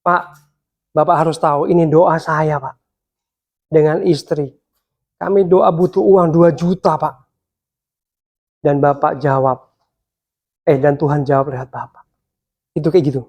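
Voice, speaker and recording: A man preaching to young people, telling a personal story with lively swings between excited and hushed delivery. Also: on the high side, a little slow, long pauses. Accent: Indonesian.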